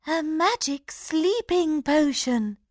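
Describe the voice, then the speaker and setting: A woman voicing a sweet, trusting young princess in a storybook read-aloud, pitching her voice high and eager. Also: lively intonation, slow, darkish tone, dry recording, clean studio sound.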